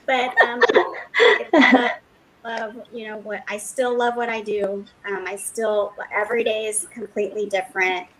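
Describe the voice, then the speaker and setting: A woman's voice: mid-range voice, flat delivery, unhurried, crowd noise, poor audio. A woman from Los Angeles, a fashion designer, giving rambling interview answers full of fillers and restarts.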